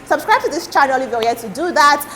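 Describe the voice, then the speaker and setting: A woman with a Nigerian accent hosting a casual celebrity gossip show in a studio, chatty and animated when she quotes people. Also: high voice, quick pace, a little hiss or hum, poor audio. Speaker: host. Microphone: lapel mic.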